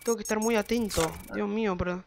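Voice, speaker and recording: A man giving casual, rambling game commentary from his bedroom, excitable and quick to swear. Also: high voice, creaky, noisy background. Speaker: gameplay commentator. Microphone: desk microphone.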